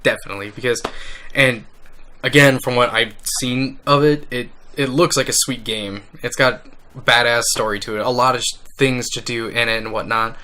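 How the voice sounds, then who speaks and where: A man co-hosting a casual gaming news podcast, excitable and joking, swearing freely. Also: mid-range voice, moderate pace, slight background noise. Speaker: podcast co-host.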